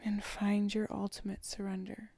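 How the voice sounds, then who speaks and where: A woman leading a guided meditation, speaking slowly and softly, often dropping into a whisper. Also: medium pitch, completely flat delivery, gravelly, dry recording. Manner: slow, soft and soothing, often whispered.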